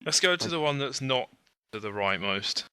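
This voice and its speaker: A man's voice: mid-range voice, lively intonation, pushed and bright, clear, resonant tone, dry recording. A man from Britain playing a tabletop game, bantering and joking with the others. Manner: bantering, quick jokes. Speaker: player. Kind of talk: casual tabletop game play.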